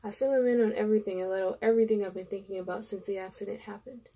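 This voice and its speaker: A woman's voice: medium pitch, steady tone, rapid-fire, mellow, breathy edge. A young woman reading a story aloud in the first person, emotional, with chatty asides between passages. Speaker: reader of a story.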